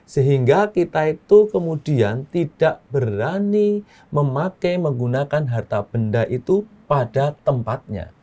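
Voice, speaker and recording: Pastor santai bercanda sambil tertawa kecil. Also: male voice, fairly high pitch, measured pace. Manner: relaxed, chuckling, keeps adding "gitu kan ya". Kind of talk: casual chat, telling a joke then reflecting.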